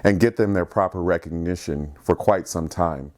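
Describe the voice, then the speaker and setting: A man from Columbus, Ohio, a journalist, narrating a scripted personal story in a measured, reflective way. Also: deep voice, a little mellow. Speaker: journalist and filmmaker.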